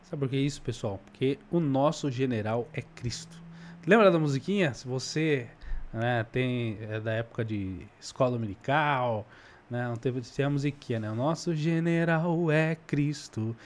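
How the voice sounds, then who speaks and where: A man's voice: medium pitch, normal speed. A man hosting, breaking in with earnest, casual preaching aimed straight at his viewers. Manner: earnest, addresses viewers directly. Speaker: host and preacher.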